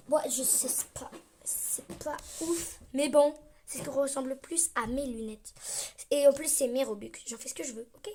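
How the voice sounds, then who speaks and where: A woman's voice: high voice, slight background noise. A young woman chatting over her gameplay as a vlogger, complaining dramatically and often dropping into a mutter. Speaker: gaming vlogger. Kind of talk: casual gameplay commentary.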